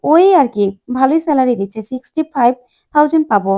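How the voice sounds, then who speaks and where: A woman voicing a meek, gentle young woman in a retold family serial. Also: high voice, animated, fast. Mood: modest.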